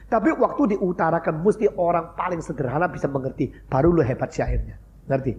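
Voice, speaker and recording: Animated high-voiced male lecturer. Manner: lively storytelling, mixes in English phrases. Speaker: pastor and lecturer. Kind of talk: university lecture. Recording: faint background noise, old lecture recording.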